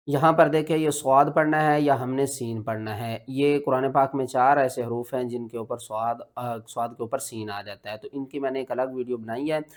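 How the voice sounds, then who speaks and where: A man teaching Quran recitation, spelling each word letter by letter before reciting it in a slow, drawn-out way. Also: mid-range voice. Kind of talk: step-by-step spelling and recitation lesson.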